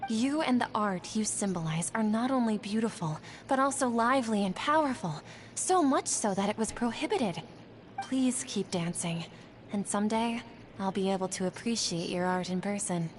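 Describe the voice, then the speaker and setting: Woman doing an earnest admiring game character, slow, faint hiss. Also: mid-range voice, close to an everyday voice. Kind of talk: game voice acting.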